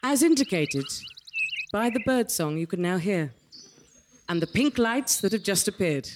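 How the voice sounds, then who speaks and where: A woman's voice: mid-range voice, animated, normal speed, a little mellow, faint music behind. Playful British woman hosting live. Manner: playful, quirky asides. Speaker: host of a live game show. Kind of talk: light, ad-libbed live stage presenting. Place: small theatre stage in front of an audience.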